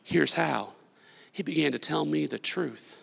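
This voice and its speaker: A male pastor delivers a sermon in a large church hall, his voice bright and edged with a gravelly fry. He moves between loud, emphatic preaching and quiet, confessional storytelling. A long reverb from the hall trails each phrase. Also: a little high, unhurried.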